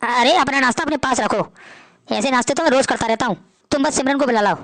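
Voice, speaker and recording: A scornful rich son-in-law. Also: female voice, high-pitched, quick pace, fairly bright tone, dry recording. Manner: scornful, bossy. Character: arrogant rich male son-in-law, boastful. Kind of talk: Hindi family drama acting.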